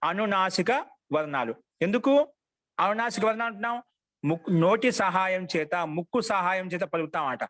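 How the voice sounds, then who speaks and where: A man's voice: sits high, normal speed, fairly bright tone. A man teaching a Sanskrit grammar class online, repeating questions and answering them himself in a call-and-response way.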